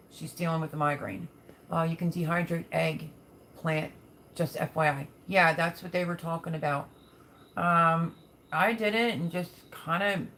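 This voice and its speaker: During a relaxed live chat, this woman goes through viewer comments and replies in a homey, affectionate way. She has a lowish voice with a fairly bright tone, with a bit of hiss or hum in the audio.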